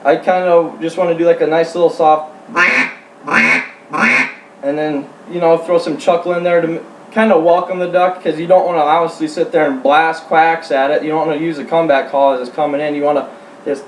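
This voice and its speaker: Guy doing a casual how-to, kinda halting and plain, echoey room w faint hum. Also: a little high, little pitch movement, a little mellow. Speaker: duck hunting instructor. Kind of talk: informal how-to demonstration. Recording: roomy, distant mic, faint hum.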